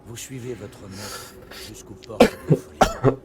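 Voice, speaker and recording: A man's voice: lowish voice, normal speed, very noisy, lightly acted. A man playing a scornful, exasperated detective. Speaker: detective in a game.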